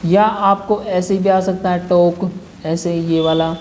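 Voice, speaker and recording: A man from India teaches a shorthand class at an unhurried, patient pace. He repeats key points and walks through one example after another. A faint hiss sits under his voice. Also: sits high, fairly even intonation, a little mellow. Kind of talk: classroom lesson.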